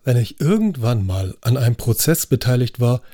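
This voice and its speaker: A man's voice: mid-range voice, sing-song, moderate pace, dark tone, husky, no echo, studio quality. A man voicing a driven prosecutor in an audiobook, firm and authoritative. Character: commanding, driven male prosecutor.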